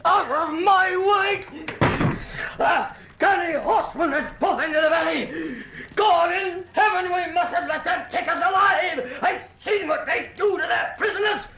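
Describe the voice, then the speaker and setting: An actor playing Doctor Watson, a loyal, earnest and excitable old-soldier companion in a radio drama. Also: male voice, extremely high pitch, measured pace, a faint crowd, slight background noise, heavily acted. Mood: frenzied.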